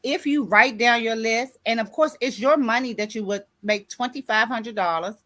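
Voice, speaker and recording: A woman's voice: fairly high pitch, moderate pace, pushed and bright. A woman in her sixties, an author and grief coach, giving a motivational talk in a preachy way and often asking "you see what I'm saying?". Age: 60s.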